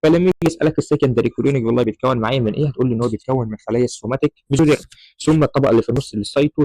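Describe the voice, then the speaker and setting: The speaker is a male medical lecturer with an Egyptian Arabic accent who goes over embryology slides for students, frequently saying "doctor" and dropping in English terms. His voice is medium in pitch and a little mellow, captured in poor-quality audio with no room sound.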